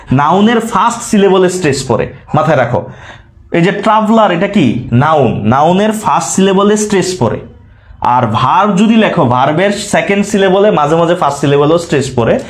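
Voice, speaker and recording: A man with a Bangladeshi Bengali accent teaching poetry scansion in a lecture, asking and answering his own questions and repeating key terms. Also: on the high side. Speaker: English literature teacher. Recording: echoey room.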